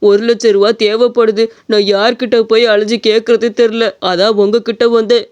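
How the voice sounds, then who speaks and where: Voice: medium pitch, flat delivery, moderate pace, clean tone, close to an everyday voice. An actor playing a worried old Tamil father. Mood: humble. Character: worried older father, humble and pleading. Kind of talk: cartoon story voice acting.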